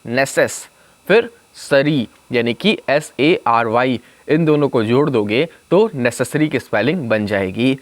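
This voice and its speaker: A man teaching an exam prep spelling lesson, slowly spelling out words letter by letter. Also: medium pitch, no echo.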